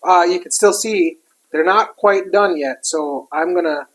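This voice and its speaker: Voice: mid-range voice, measured pace, a bit bright, low-quality recording. Easygoing cook chatting at a sizzling griddle. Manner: easygoing, chatty, talks while working the griddle. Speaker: cook demonstrating a recipe. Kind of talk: casual cooking demonstration. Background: food sizzling on the griddle, utensils clinking.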